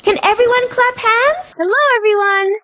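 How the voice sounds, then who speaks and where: A woman's voice: extremely high pitch, normal speed, a bit bright. A woman voicing a cheerful, kindly female dinosaur for a young children's show, speaking in a sing-song, carefully enunciated way. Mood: bright, encouraging. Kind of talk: children's show character presenting to young viewers.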